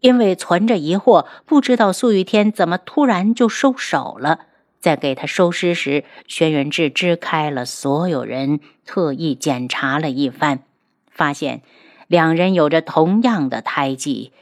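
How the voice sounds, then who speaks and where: A woman narrating a martial-arts web novel in a steady, unhurried storytelling manner. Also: sits low, dry recording, studio quality. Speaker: audiobook narrator.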